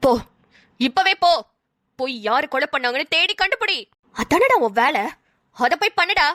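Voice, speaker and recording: A woman's voice: high voice, lively intonation, normal speed, sharp tone, no room sound, studio quality, voice pushed down. A woman voicing a stern, grieving mother who barks clipped orders at her son in a cartoon. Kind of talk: dubbed cartoon voice acting.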